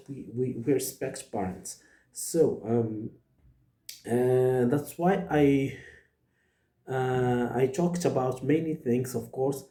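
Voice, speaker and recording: Earnest hesitant man, dark voice, echoey room. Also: mid-range voice. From Morocco. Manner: earnest, many hesitations and fillers. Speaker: vlogger. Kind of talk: direct-to-camera monologue.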